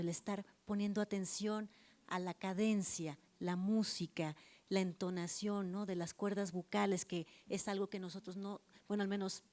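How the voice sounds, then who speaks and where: A woman moderates a public event, talking off the cuff in a thoughtful way. Her voice is low and mellow, and she often hesitates and fills her pauses as she goes. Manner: reflective, hesitant, with many fillers. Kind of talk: spontaneous remarks at a public event. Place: legislative chamber event.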